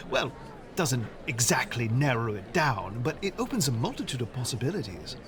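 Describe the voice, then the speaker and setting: With crowd noise in the background, a man plays a polite, keen young English opera lover who talks in an excited, meandering way. His medium-pitched delivery is sing-song at a moderate pace.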